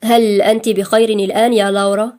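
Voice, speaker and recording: A woman's voice: medium pitch, level tone, fast talker, a little mellow, close to an everyday voice. A woman reading a cold, firm male boss. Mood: soft. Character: stern, cold male boss, gentle underneath.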